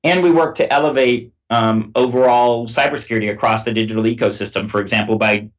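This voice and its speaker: A man being interviewed as a guest, explaining things in a measured way with many pauses. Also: medium pitch, steady tone. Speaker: guest, head of a nonprofit security alliance. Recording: distant mic sound.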